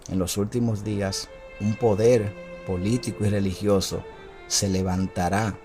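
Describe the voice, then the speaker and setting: A man teaching a Bible lesson in a preaching style. He is emphatic and slows down to give words weight. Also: lowish voice, steady tone, dark tone, faint music behind.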